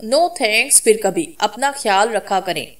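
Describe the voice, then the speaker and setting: Woman narrator voicing a soft-hearted young man in a storybook, courteous, heard from a distance. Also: mid-range voice, expressive, measured pace, natural voice. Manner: courteous, careful. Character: gentle, lovestruck young man.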